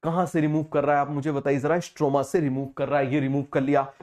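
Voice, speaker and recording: A man's voice: a little high, flat delivery, a little mellow. Feverish man teaching with call-and-response. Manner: call-and-response questioning, repeats key terms slowly. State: feverish, speaking slower than usual. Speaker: biology teacher. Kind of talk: online class lecture.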